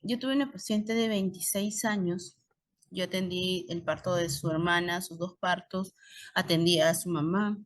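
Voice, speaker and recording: A woman's voice: lowish voice, fairly even intonation, normal speed. A middle-aged woman with a Peruvian Spanish accent, an obstetrician lecturing in an online course and telling clinical anecdotes with frequent tag questions.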